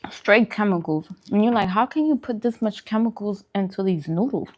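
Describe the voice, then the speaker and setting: Lively intonation marks this woman's medium-pitched, darkish voice, and her pace is moderate. She's a vegan food vlogger running a mukbang, answering livestream viewers in casual conversation. Her advice about food is emphatic and opinionated, and she repeats phrases for emphasis.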